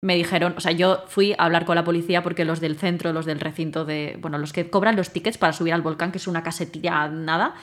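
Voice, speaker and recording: A woman telling a story in casual conversation, acting out her own lines with bursts of loudness. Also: fairly low pitch, quick pace, hardly any pauses. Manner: animated, acts out her own quotes loudly. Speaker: guest.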